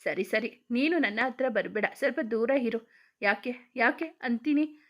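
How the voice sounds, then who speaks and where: A woman's voice: on the high side, animated, a little slow. A woman narrating a romance story, voicing every character herself with emotional, chatty delivery. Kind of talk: dramatic romance story reading.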